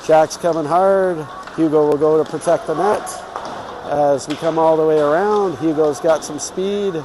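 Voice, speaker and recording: A man's voice: a little high, normal speed. A man giving informal, home-team live play-by-play commentary on youth hockey. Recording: clear rink noise behind.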